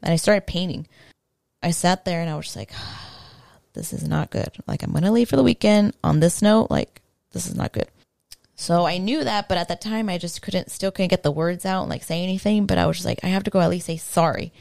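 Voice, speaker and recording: A woman's voice: lowish voice, quick pace, gravelly, darkish tone, dry recording, clean studio sound. A woman guest on a podcast telling a personal story in a casual, frank way, full of slang and swearing. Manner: slangy and frank, swears freely, fillers like "bro".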